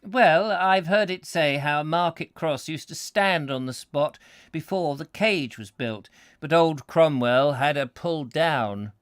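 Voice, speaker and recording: A man doing a slow, folksy villager. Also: a little high, fairly bright tone, clear, resonant tone, no echo, clean studio sound, voice pushed up. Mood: folksy, matter-of-fact. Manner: slow rustic dialect, cheerful and matter-of-fact. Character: simple, good-natured male English villager, slow and folksy.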